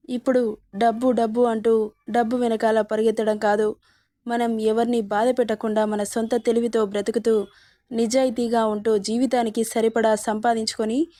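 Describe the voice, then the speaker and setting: A woman's voice: on the high side, mellow, no room sound, clean studio sound, lightly acted. A woman reading a storybook, voicing an angry young woman who hurls bitter, scornful accusations.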